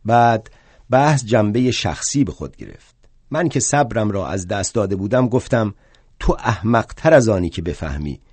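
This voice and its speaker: An older man playing a proud, indignant aging male revolutionary thinker in a one-man stage play, telling his story wryly and flaring into indignant shouts. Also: lowish voice, animated, breathy edge, no room sound.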